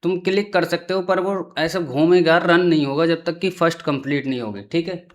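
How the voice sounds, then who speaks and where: A man's voice: on the high side, steady tone, normal speed. A man hosting a casual screen-recorded tutorial, chatty and often checking in with the viewer. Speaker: tutorial host.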